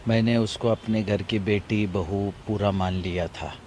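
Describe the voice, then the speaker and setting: A grieving middle-aged father speaking in a halting, repetitive way during an outdoor TV interview. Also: fairly low pitch, steady tone, darkish tone, a little hiss or hum. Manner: halting, grief-stricken, repetitive. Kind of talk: emotional TV interview.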